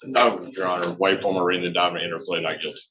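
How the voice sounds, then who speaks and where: A man's voice: sits low, steady tone, very fast, crowd noise. A man speaking as a defense attorney, formally addressing a judge in court, picked up from a distance. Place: indoor courtroom. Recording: noisy, distant courtroom pickup.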